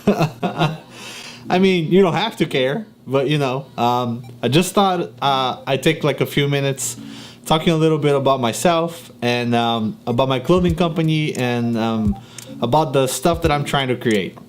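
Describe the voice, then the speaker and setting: Over faint background music, a young man from Brazil talks to camera at a measured pace in a medium-pitched voice. He's a chatty YouTuber with a Brazilian Portuguese accent who laughs a lot and fills gaps with ums, fillers and restarts.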